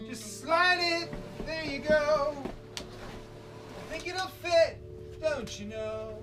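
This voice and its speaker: A man's voice: extremely high pitch, extremely slow, distant mic. A man chatting casually in a studio who keeps breaking into improvised sung lines. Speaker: vlogger. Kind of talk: casual chat with improvised singing. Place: studio room with music playing. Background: music playing.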